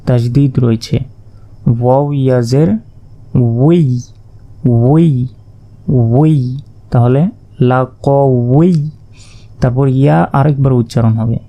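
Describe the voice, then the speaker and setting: A man teaching Quran reading step by step, spelling out each letter and vowel mark, then reciting the sounds slowly and drawn out. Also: mid-range voice, mellow. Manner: patient, repeats and asks himself questions. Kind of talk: step-by-step lesson.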